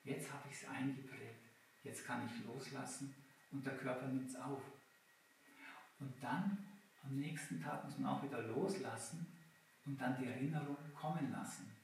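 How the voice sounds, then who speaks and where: A man's voice: mid-range voice, moderate pace, slight background noise. A man giving a live lecture, explaining patiently and checking in with his listeners through questions. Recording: very echoey room, mic far off.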